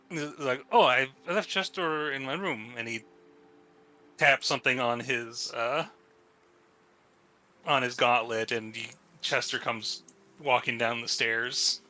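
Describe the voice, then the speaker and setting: A man's voice: mid-range voice, slow, long pauses, pushed and bright. A man playing a tabletop role-playing game, who describes his character's actions in long, detailed explanations. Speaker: player. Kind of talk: casual tabletop role-play.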